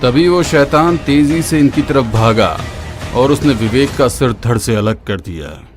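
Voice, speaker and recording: A man narrates a horror story unhurriedly in a steady, dramatic mid-pitched voice, dropping lower for the grim moments. Loud, eerie music runs beneath him throughout.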